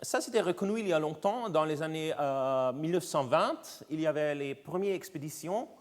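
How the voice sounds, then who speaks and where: A visiting scientist from Austria gives a guest lecture in French with a foreign accent, his voice a little high and his intonation lively. He speaks haltingly, searching for words in a language that isn't his own. The lecture hall adds long reverb.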